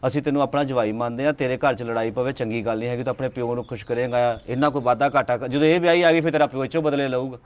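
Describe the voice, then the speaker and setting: A man's voice: medium pitch, steady tone, racing, hardly any pauses, clear, resonant tone, muffled recording, natural voice. A man acting a scheming young village friend in a comic sketch, bossy and plotting.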